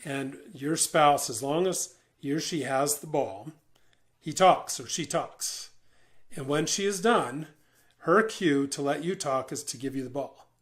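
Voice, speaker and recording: A middle-aged man giving an informal talk on listening in marriage, relaxed, repeating words and using many fillers. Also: fairly high pitch, a little slow. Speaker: marriage communication teacher.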